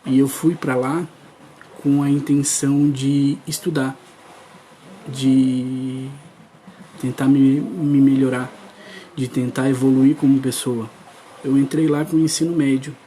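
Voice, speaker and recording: A man's voice: mid-range voice, little pitch movement, slow, long pauses, mellow, slight background noise. A man giving an earnest testimony sermon, speaking directly to the congregation. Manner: earnest, addresses the crowd directly.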